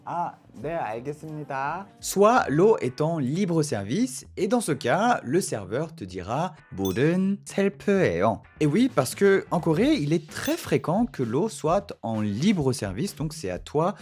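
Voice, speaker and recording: Lively man teaching Korean phrases. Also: a little high, a little slow, hardly any pauses, slightly rough. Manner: explains in French, models short Korean phrases; acts out little restaurant scenes, playing both customer and waiter. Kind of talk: casual video lesson. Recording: faint background music.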